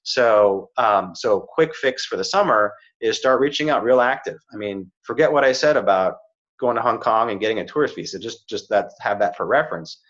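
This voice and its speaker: In a casual talk about careers, a middle-aged coach speaks earnestly at a moderate pace, often adding "right?" and "you know". His voice is on the low side and a bit bright; the recording comes across slightly dull and muffled.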